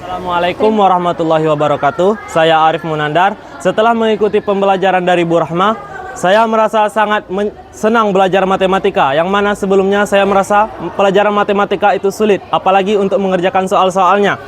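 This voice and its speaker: A teenage boy student recites a prepared testimonial about his lessons. His voice sits high and stays flat. Faint background noise runs under it. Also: quick pace.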